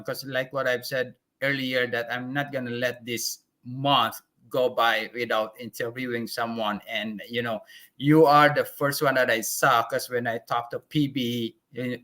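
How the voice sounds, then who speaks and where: A man's voice: medium pitch, pushed and bright. A man hosting a live online talk show, upbeat and effusive, often laughing as he welcomes and questions his guest.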